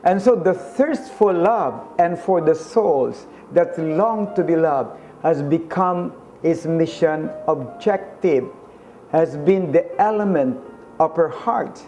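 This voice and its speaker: Slow, earnest male preacher. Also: on the high side, lively intonation, dark tone, faint music behind. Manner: slow, earnest, emphatic with rising stresses. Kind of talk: sermon-style reflection.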